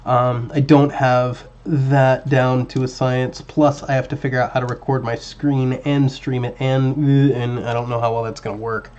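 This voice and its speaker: A man's voice: mid-range voice, moderate pace, few pauses, highs cut off. Chatty man livestreaming a drone build. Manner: relaxed, chatty, muttering at parts while working. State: slightly hoarse. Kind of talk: casual livestream chat while building.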